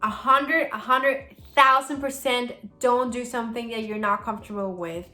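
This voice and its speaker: Fielding viewer questions in a relaxed vlog, this young woman from El Salvador sprinkles "like" all through her speech. She talks at normal speed in a fairly high, pushed, bright voice. Faint music plays in a roomy-sounding space.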